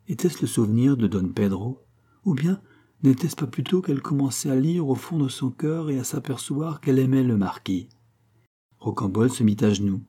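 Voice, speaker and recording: A man giving a measured, dramatic narration of a classic novel. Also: medium pitch, warm tone, breathy edge. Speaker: audiobook narrator. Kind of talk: scripted narration.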